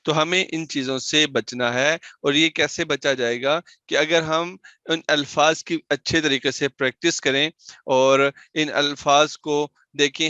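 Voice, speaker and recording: A man's voice: fairly high pitch, pushed and bright, clean tone, no echo, highs cut off. A man teaching Quran recitation in a recorded lesson, explaining patiently, asking questions and answering them himself, and sounding out example syllables.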